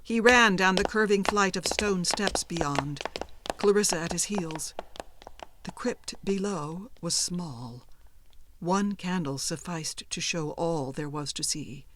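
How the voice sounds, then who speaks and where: Reading a tense horror tale as an audiobook narrator, a woman speaks with deliberate, expressive delivery. Her voice is lowish, and there is background noise in the recording.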